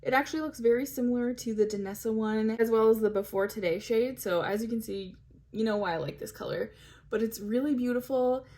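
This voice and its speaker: A woman's voice: on the high side, a little fast, darkish tone. Chatty woman gushing over makeup. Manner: chatty, gushing, many fillers. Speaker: beauty vlogger. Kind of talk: casual product review. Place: home, hot weather.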